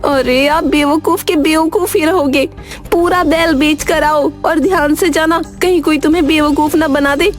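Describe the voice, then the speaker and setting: A woman voicing a scolding young village wife in a cartoon, who talks in a sharp, nagging way. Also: high voice, steady tone, moderate pace, lightly acted. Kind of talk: Hindi cartoon dubbing. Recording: background music under voice.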